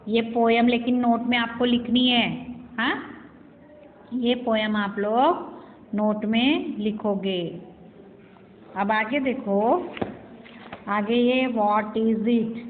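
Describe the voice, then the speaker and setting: A woman teacher explaining an English poem to children in Hindi, asking and answering her own questions, with the English lines read slowly. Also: a little high, steady tone, a little hiss or hum. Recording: echoey room over a tinny phone-like line.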